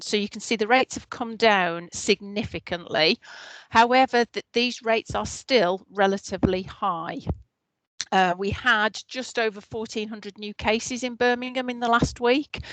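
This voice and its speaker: A woman speaking over a video call, walking a community meeting through public health figures. Her voice sits in the middle of the female range and comes through dry and close, with no room sound. She explains in a clear, steady way. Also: mid-range voice, dry recording, low-quality recording. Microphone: computer mic on a video call.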